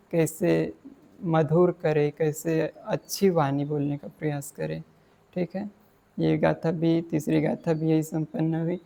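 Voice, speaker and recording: A man's voice: a little high, vocal fry, dark tone. A man giving a dhamma talk, explaining Pali verses in plain words and mixing in English terms. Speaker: Buddhist dhamma teacher.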